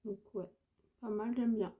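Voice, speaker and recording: A woman's voice: mid-range voice, steady tone, measured pace, lo-fi sound. A woman from France chatting casually through a makeup tutorial, hesitant and thinking aloud with lots of fillers. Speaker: beauty vlogger.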